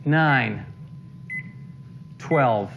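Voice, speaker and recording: Slow, halting male game show contestant. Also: mid-range voice, creaky, muffled recording, background noise. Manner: halting, deliberate. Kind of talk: short spoken answers. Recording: game show music behind. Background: music and game beeps.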